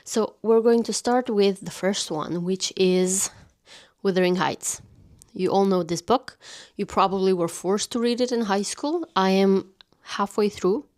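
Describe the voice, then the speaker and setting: A woman in her thirties gently chatting about books on a thin stand mic, now and then dropping into a whisper. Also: medium pitch, measured pace. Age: 30s. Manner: gentle, intimate, dips into whispers. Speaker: channel host. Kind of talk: soft-spoken book chat.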